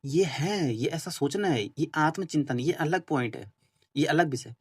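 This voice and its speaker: A man's voice: fairly high pitch, lively intonation, a little slow, slightly rough. Casual earnest man explaining. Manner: casual, repeats himself, many fillers and restarts; earnest, admits he is still learning. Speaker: spiritual talk host. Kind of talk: informal spoken explanation.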